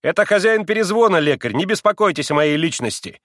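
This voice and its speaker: A man reading aloud and voicing an insolent teenage schoolboy who snaps loudly and mockingly. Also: sits high, expressive, a little fast, dry recording, studio quality, voice pushed up. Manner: sharp, loud, mocking.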